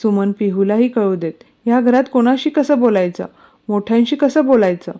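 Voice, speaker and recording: A woman's voice: fairly high pitch, moderate pace, mellow, muffled recording, natural voice. A woman reading a story aloud voicing a stern older mother-in-law who scolds sharply.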